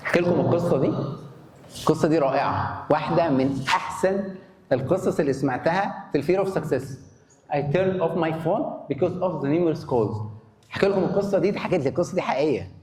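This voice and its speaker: Animated man lecturing in an echoey hall. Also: on the high side, fast talker. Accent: Egyptian Arabic. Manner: animated, asks the audience questions and answers them. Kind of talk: conference talk. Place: conference hall. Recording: echoey hall, faint noise.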